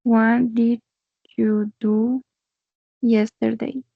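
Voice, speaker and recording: Very slow, gravelly-voiced student woman. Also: on the high side, little pitch movement, no room sound, narrow, tinny audio. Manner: hesitant, halting reading of English. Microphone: video call.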